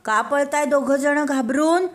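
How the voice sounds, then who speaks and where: A woman voicing a worried deer in a children's story, calling out in raised, hurried questions. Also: sits high, voice pushed up. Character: deer, older-brother type, worried.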